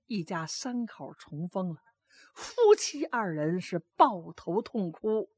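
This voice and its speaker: A woman narrating a folk tale as a storyteller, dramatic and expressive. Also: medium pitch, no room sound, studio quality.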